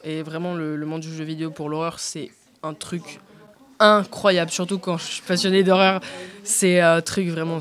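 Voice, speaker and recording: A woman chatting casually as an interview guest, hesitant, with many fillers and restarts. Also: lowish voice. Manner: tacks on "and so on" often. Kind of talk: casual chat.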